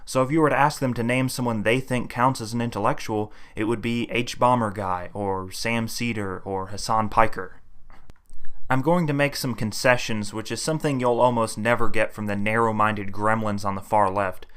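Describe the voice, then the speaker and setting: A man's voice: lowish voice, steady tone, normal speed, fairly bright tone, clean tone. A man reading a scripted political commentary in a scornful, combative tone, freely insulting his opponents. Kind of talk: scripted commentary video essay.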